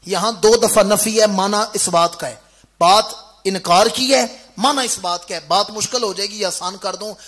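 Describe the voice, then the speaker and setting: A man preaching a sermon to a village gathering, putting questions to his listeners and answering them himself, moving between loud declaiming and quiet explanation. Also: sits high. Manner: orator who quizzes the crowd and answers himself. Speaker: Islamic preacher. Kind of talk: Urdu sermon.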